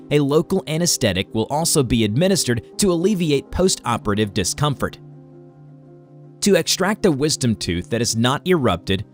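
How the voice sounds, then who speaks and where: A man reading a scripted educational medical explainer in a formal, instructional way. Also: mid-range voice. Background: music.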